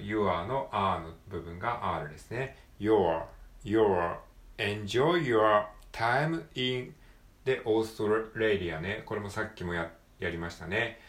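A man hosting a casual solo pronunciation lesson, carefully explaining sounds and repeating single words over and over. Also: fairly low pitch. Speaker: English pronunciation practice host. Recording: roomy echo.

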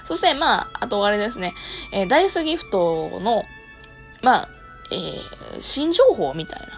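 A woman with a Kansai accent and a hoarse, worn-out voice, chatting casually to listeners as a show host and often laughing. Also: medium pitch, big pitch swings, moderate pace, soft background music. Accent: Kansai Japanese. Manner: laughs often while talking. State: hoarse, worn voice after long streaming. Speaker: host of an audio talk show and live streamer. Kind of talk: casual solo talk to listeners.

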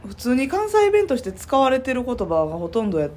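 Relaxed woman with a Nara Kansai accent. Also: high voice, brisk. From Nara, Japan. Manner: relaxed, chatty, explains dialect words patiently. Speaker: co-host of a late-night radio show. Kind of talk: casual radio chat.

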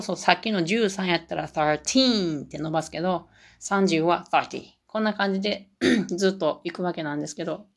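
A woman with a Kansai accent teaches English numbers on her solo podcast, taking her time and drawing out each word. She drills each number in Japanese and then in English, with a chatty, self-deprecating aside here and there. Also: medium pitch.

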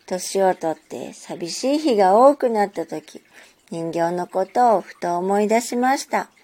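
A woman narrating a children's story in a gentle, measured storytelling manner. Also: mid-range voice, lively intonation.

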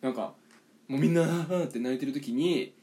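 A young man co-hosting a casual podcast chat, telling an animated story and acting out the quotes. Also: mid-range voice, a little fast. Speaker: podcast co-host.

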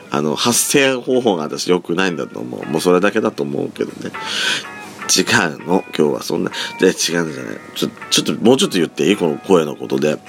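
A man with a very deep, raspy voice, still thick with sleep, rambles through a casual solo talk from his room at home. His pitch swings widely as he drifts from thought to thought with soft, feminine sentence endings. A faint bed of background music plays behind him. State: sleepy just-woken voice. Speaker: solo podcast host. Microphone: phone app mic set back from the mouth.

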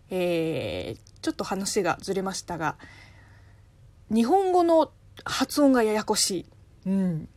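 Lively Chinese-accented woman, solo radio talk. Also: dry recording. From China. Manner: chatty, explains with spoken examples, lively pitch swings. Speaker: podcast host answering listener questions.

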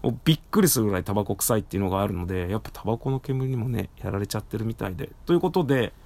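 A man with a hoarse, worn-out throat chatting casually on his own as a podcast host, speaking slightly muffled through a face mask. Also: fairly low pitch, animated, rapid-fire, a little mellow. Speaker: podcast host and live streamer. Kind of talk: casual solo talk. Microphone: recorded through a face mask.

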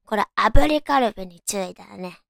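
A woman's voice: medium pitch, animated, normal speed, vocal fry, a bit bright, dry recording, studio quality. A woman with a naturally cute anime-girl voice, hosting a casual solo radio chat in a playful, girlish manner. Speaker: radio show host.

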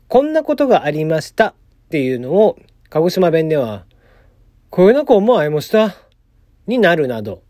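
A man's voice: high-pitched, darkish tone, dry recording, clean studio sound. A man hosting a casual solo podcast, reading out a news item and commenting on it, with many "uh" fillers and wry asides. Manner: chatty, many "uh" fillers, wry asides, chuckles at his own jokes.

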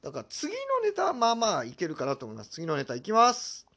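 A man hosting a solo comedy talk show, lively and self-deprecating as he explains his impressions. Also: on the high side, fast talker, vocal fry, breathy edge. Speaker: podcast host.

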